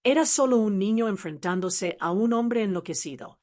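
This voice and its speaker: A woman's voice: medium pitch, expressive, moderate pace, darkish tone. A woman telling a scripted first-person family drama in a dramatic storytelling delivery.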